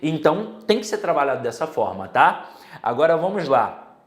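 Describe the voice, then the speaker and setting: A man's voice: fairly high pitch, very animated, normal speed, echoey room. A middle-aged Brazilian man giving a casual exam-prep Portuguese lesson, chatty and full of personal stories. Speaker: Portuguese teacher.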